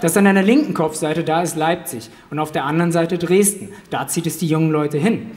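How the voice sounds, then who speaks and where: Brief: blunt middle-aged father, voiced by a man, mocking and gruff, in a roomy hall. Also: fairly high pitch, fairly quick, darkish tone, slight background noise, close to an everyday voice. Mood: cheerfully mocking.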